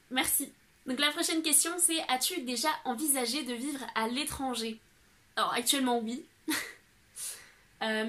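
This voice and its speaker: A woman's voice: sits high, bright, forceful tone. A young woman from France answering viewer questions in a casual, chatty vlog, with fillers and small laughs. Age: young adult. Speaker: vlogger.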